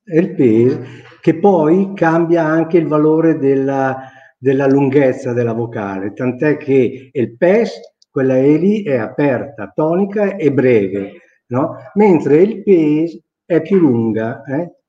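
A man's voice: a little high, animated, takes it slowly, echoey room, dull audio. A man giving an informal lecture, explaining patiently with examples and frequent tag questions. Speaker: dialect teacher.

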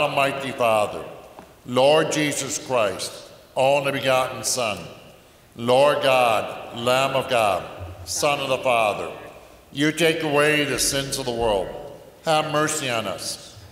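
A man leads the prayers of Mass at a pulpit microphone in a large church, reciting each line in a measured, solemn way. His voice sits in an ordinary middle pitch for a man. Every phrase rings out into the long echo of the church. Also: fairly bright tone. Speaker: priest. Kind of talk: leading liturgical prayers at Mass.

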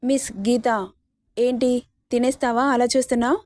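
Woman narrator doing an irritable young boss, curt orders, fairly high voice, dry close sound. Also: fairly even intonation, moderate pace, darkish tone, no echo, natural voice. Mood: irritated. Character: short-tempered young male company boss.

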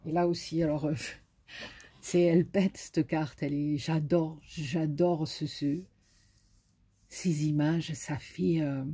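A woman with a southern French accent chats casually to camera as she shows the greeting cards she received. Her voice is mellow and a little breathy, and she is effusive, piling on fillers as she goes. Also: sits low, steady tone, slow pace. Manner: chatty and effusive, with many fillers. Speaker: YouTuber showing greeting cards.

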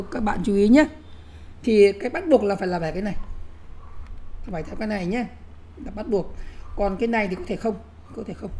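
A woman's voice: medium pitch, a little mellow. Emphatic woman lecturing teachers. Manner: emphatic, repeats words, frequent "nhé" asides.

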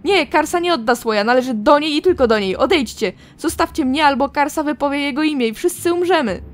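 Woman voicing a frantic game madwoman, high shrill voice, pleading and raving at volume. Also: animated, a little fast. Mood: defiant. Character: frantic madwoman clutching a cursed jar.

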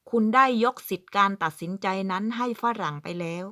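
A woman's voice: fairly low pitch, lively intonation, brisk, a bit bright, no echo, clean studio sound. A woman from southern Thailand giving casual, emphatic advice as a vlogger, acting out what people say. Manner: chatty, emphatic, acts out quoted speech. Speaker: vlogger living abroad. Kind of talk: casual advice talk to camera.

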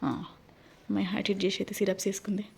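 A woman's voice: medium pitch, monotone, racing, vocal fry, slight background noise. A young woman with a Telangana Telugu accent, filming a casual home vlog, coaxing her children to take medicine and repeating herself again and again. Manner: coaxing, repeats words over and over. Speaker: vlogger mother.

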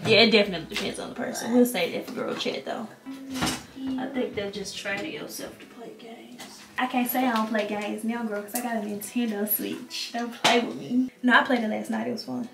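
A woman's voice: on the high side, steady tone, a little fast, gravelly, over loud music. A young woman vlogging in casual chat, joking with a playful slangy manner and laughing often. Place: car, then home.

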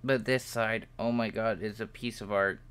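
A man's voice: steady tone, normal speed, a bit bright, smooth. A young man streaming live, rambling and joking at himself as he talks to his viewers while he models in 3D. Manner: yawning, low-key late evening.

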